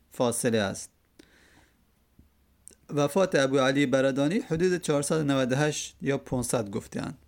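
A man giving a religious lecture, explaining a quoted Arabic verse word by word and repeating key terms. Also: medium pitch. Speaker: religious teacher. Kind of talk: classroom lecture explaining a hadith text.

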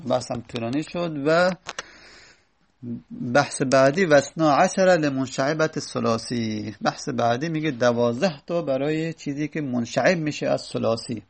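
A man teaching a grammar lesson, explaining each step and repeating words slowly and drawn out. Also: mid-range voice, creaky. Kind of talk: classroom lesson.

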